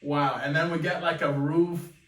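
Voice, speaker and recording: A young man reacting live to a webcomic chapter as he reads it, excitedly narrating and exclaiming "yo" often. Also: fairly high pitch, moderate pace. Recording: echoey room, mic at a distance, faint music.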